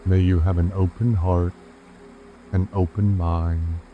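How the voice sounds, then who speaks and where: A man leads a calm grounding meditation as a guide, speaking gently and unhurriedly with measured pauses. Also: low voice, narrow, tinny audio. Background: rainforest sounds with insects, soft music.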